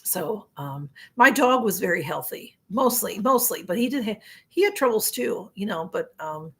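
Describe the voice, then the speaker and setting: Chatting casually on her live stream, a woman in her sixties reads out viewer comments, rambling with plenty of fillers and laughing often. She has a husky mid-range voice with lively intonation and speaks at a moderate pace.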